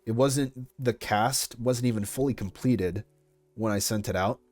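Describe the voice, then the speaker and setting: A young series creator answers interview questions about his project in a casual, chatty, informal way. His medium-pitched voice is unhurried and a little mellow, with no room sound and soft background music.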